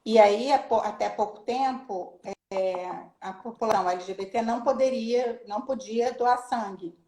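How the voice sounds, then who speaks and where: A woman's voice: on the high side, normal speed. A woman from Rio de Janeiro with a Brazilian accent, a human rights official chatting casually as a guest and vividly acting out stories. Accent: Brazilian Portuguese, Rio de Janeiro. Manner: animated storyteller, acts out quoted voices. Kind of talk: casual chat, storytelling. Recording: roomy echo.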